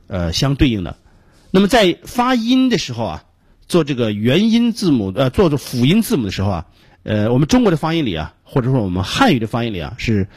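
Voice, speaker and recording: A middle-aged man with a Beijing Mandarin accent gives a radio pronunciation lesson, explaining slowly and repeating each sound he demonstrates. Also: mid-range voice, husky, dry recording. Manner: frequent filler particles between phrases. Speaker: English pronunciation teacher.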